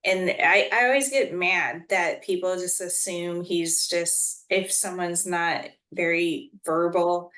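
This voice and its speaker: A woman's voice: lowish voice, a bit bright. A woman speaking as a parent guest in a casual conversation, earnest and full of fillers.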